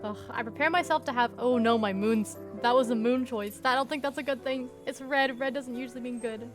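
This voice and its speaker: A woman's voice: a little high, steady tone, brisk, over music. A woman live-streaming a visual novel, reading the story aloud and reacting bluntly, often swearing and laughing.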